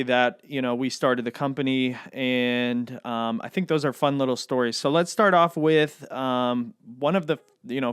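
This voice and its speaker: A man hosts a casual podcast chat, easygoing and full of ums. His voice is smooth and clear, and the sound is dry and close. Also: medium pitch, no room sound. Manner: relaxed, chatty, many ums. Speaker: podcast host.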